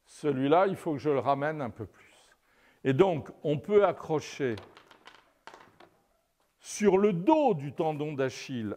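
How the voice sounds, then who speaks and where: An older man lecturing on anatomy while he draws at the board. He talks slowly and unhurriedly, wandering off into wry asides. His pitch rises and falls widely, and he keeps checking in with his listeners. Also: darkish tone. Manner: digressive and wry, peppered with "n'est-ce pas". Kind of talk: live art-anatomy lecture at a chalkboard.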